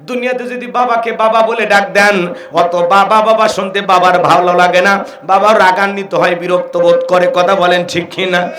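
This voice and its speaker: A man preaching a sermon to a crowd, fiery, often shouting and calling out for responses. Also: high voice, fairly even intonation, moderate pace, echoey room. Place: outdoor religious gathering.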